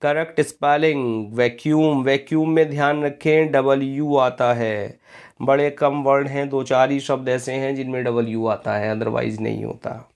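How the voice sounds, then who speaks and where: A man's voice: mid-range voice, fairly even intonation, measured pace, a little mellow. A man teaching an English spelling lesson for exam preparation, spelling words out letter by letter and calling his students friends.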